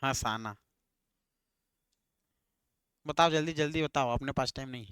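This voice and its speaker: A man's voice: mid-range voice, fast, fairly bright tone, clear, resonant tone, dry recording. A man teaching an exam-prep grammar lesson, repeating words and quizzing his students with questions. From Chhattisgarh, India.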